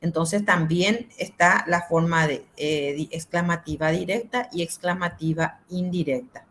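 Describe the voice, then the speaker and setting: A woman's voice: on the low side, steady tone, a little slow, a bit bright, a little hiss or hum. Patient woman teaching grammar online. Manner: patient, explaining with simple examples and fillers. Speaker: Spanish teacher. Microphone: video call.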